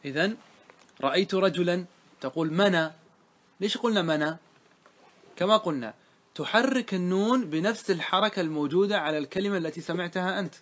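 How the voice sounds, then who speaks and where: A man's voice: sits high, fairly quick, pauses often, a bit bright. Man quizzing his grammar class. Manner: quizzing students with repeated questions. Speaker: teacher of Arabic grammar. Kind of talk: classroom lesson.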